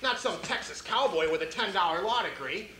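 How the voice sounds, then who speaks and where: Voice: medium pitch, animated, brisk, bright, forceful tone. An actor playing a haughty, indignant doctor in an amateur stage comedy-mystery, trading cutting insults. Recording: echoey stage with faint noise.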